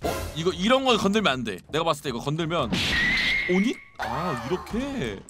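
An excitable young man streams a game, his high voice jumping all over as he yells and shouts at the action. Game music plays clearly behind him. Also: normal speed. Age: 20s.

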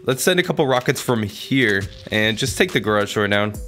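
A man's voice: lowish voice, lively intonation, normal speed, pushed and bright, soft background music. A man giving casual gameplay commentary, thinking aloud and talking to viewers in informal, exclamatory slang. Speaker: gaming video creator narrating his play.

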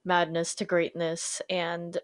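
Lively woman co-hosting a podcast. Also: fairly low pitch, slow, clear, resonant tone. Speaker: podcast co-host. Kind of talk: casual chat.

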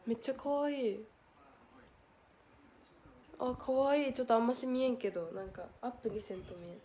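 A woman's voice: a little high, normal speed, warm tone. A young woman with a Hiroshima accent chatting on a livestream, reading out viewer comments and thanking them with frequent giggles. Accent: Hiroshima Japanese. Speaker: idol livestreamer. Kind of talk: casual livestream chat.

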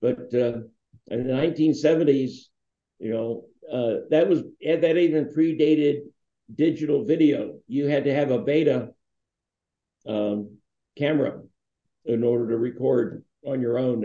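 An older man who founded a foundation tells relaxed stories as an interviewee, rambling and anecdotal, with many fillers. His voice is mid-range, unhurried and mellow. He's on a video call webcam in a home room with a wall hanging, and the audio is roomy and slightly dull.

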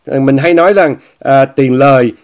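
A man with a medium-pitched, somewhat dark voice speaks at a moderate pace while hosting an online commentary monologue for viewers. He repeats phrases a lot, frequently saying "quý vị," and mocks his subject in a scornful tone.

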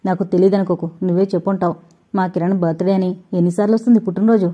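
A woman's voice: lowish voice, steady tone, fast talker, dark tone, lightly acted. Woman reading as a teasing young man. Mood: irritated. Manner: mocking, playful. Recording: dull lo-fi audio.

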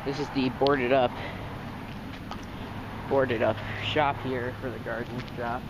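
A man's voice: medium pitch, little pitch movement, slow, muffled recording. Chatty man filming outdoors, traffic noise. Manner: chatty, easily amazed, thinks aloud. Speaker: vlogger exploring a closed store. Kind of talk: casual walkaround commentary. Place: outdoors by an empty store and parking lot.

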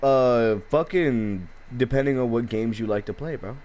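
A man streams gameplay and chats with his viewers in a casual, slangy way, swearing a lot. His mid-range voice has a darkish tone and moves at normal speed.

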